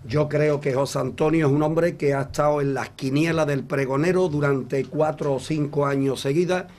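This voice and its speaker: A man's voice: on the high side, fairly even intonation, moderate pace, a little mellow. A man, speaking formally at a press conference into table microphones. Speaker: council president at a press conference. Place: meeting room press conference.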